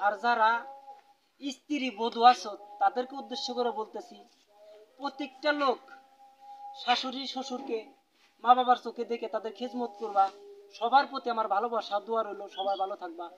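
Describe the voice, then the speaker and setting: A man's voice: very high-pitched, fairly even intonation, fairly quick, pauses often, a bit bright, muffled recording, slight background noise. A man giving an earnest, moralizing closing address in a comedy skit. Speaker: son and skit actor. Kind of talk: scripted comedy skit acting.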